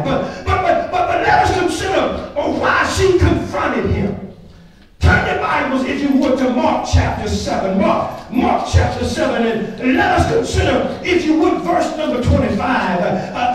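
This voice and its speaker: A man preaching from the pulpit, his voice very high and his delivery slow and deliberate. He repeats words as he builds up and breaks into shouts. The sound is picked up from far back in a very echoey sanctuary, with faint organ and the congregation behind him. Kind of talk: sermon. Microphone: pulpit mic, camera at the back of the room.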